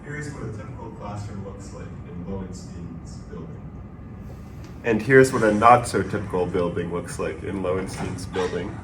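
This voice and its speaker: A man's voice: sits low, normal speed. A young adult man narrating a guided campus tour as a student guide. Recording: clear background noise.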